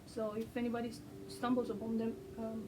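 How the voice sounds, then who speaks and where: Sketching on camera, a woman whose first language isn't English rambles through a casual vlog, hesitant and self-deprecating, with lots of ums and pauses. Her fairly high voice stays monotone, picked up by a distant mic with background music and noise.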